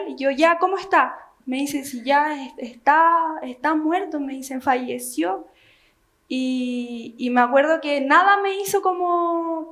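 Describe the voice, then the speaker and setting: A young woman telling her personal testimony to a church group, earnest and halting, with frequent fillers. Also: sits high, a bit bright. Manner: earnest storytelling with many fillers. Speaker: church member giving testimony.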